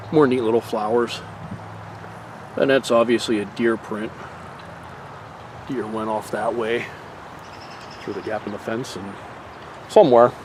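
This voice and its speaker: A man casually narrating a nature hike outdoors by a creek, in a relaxed, rambling way with fillers and mild swearing, recorded on a handheld camera. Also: mid-range voice, low-quality recording. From Pennsylvania. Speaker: nature vlogger. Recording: faint outdoor noise on a camera mic.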